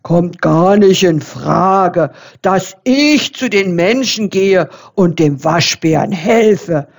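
A woman's voice: on the low side, animated, slow, vocal fry, heavily acted. A woman doing a grumpy wild boar. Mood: grumbling. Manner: grumbling, pushed out.

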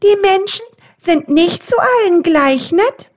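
A woman doing a squeaky little mouse. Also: lively intonation, slow pace, full character voice. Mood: complaining. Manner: squeaks "pieps". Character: squeaky, timid little male field mouse.

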